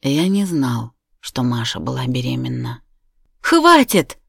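A woman reads a first-person story aloud with measured, steady pacing. Her voice sits low, and the recording is close and dry. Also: no room sound. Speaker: audiobook narrator. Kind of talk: scripted narration.

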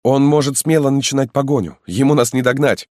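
A man voicing an eager young male peasant rescuer who talks in urgent, hurried pleas. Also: mid-range voice, darkish tone, no echo, clean studio sound, pitched above the performer's own voice, close to an everyday voice.

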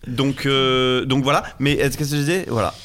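A man's voice: mid-range voice, fairly even intonation, normal speed, a bit bright. A man, a guest actor, telling stories in a casual podcast chat, rambling and self-mocking, laughing often.

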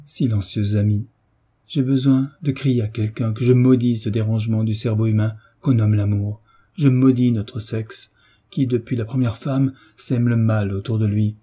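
A man's voice: medium pitch, mellow, husky, lightly acted. A man reading as a grieving young wife. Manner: anguished letter read aloud. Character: young woman, grieving and remorseful.

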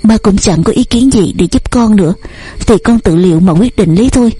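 A woman's voice: medium pitch, fairly quick, dark tone, slightly rough, faint music behind, natural voice. A woman voicing a worried middle-aged mother who soothes and questions her daughter. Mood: anxious. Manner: soothing, urgent.

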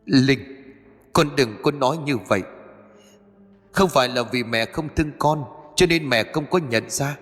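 A man voicing the sorrowful ghost of a dead mother, who speaks in a mournful, pleading and gently scolding way. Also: medium pitch, a little slow, long pauses, big-room sound, faint music behind, close to an everyday voice.

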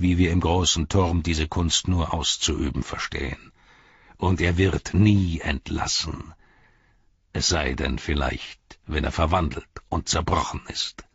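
A scornful, gloating herald of a dark lord taunts his enemies, as a man reading an audiobook puts him on. The voice is deep and husky, with a mocking edge that swings higher in sharp jabs. The recording is dry and a bit dull. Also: dry recording, heavily acted.

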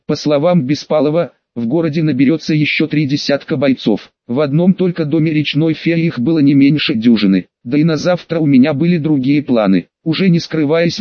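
A man's voice: on the high side, dry recording. Raised-voice male audiobook narrator. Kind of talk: first-person scripted narration. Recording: dull, dry studio sound.

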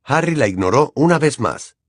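A man's voice: mid-range voice, lively intonation, moderate pace, slightly rough, no room sound. Man narrating an audiobook, dry sound.

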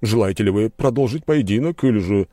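A man reading an audiobook, voicing a composed duel steward who speaks calmly and formally. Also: medium pitch, no echo, voice pushed up. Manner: calm, formal, measured.

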